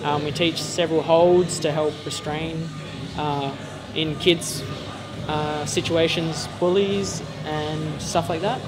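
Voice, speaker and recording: A man's voice: fairly high pitch, steady tone, slow, over music. A jiu-jitsu coach, a man, answering interview questions plainly with many ums and uhs. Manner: hesitant, many fillers.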